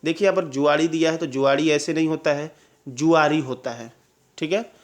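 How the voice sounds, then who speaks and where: Male exam tutor, slightly high voice, drilling style with constant check-ins. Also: fairly quick. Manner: drills answers with repeated questions and "clear?" checks. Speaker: exam-prep teacher. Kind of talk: Hindi spelling lesson.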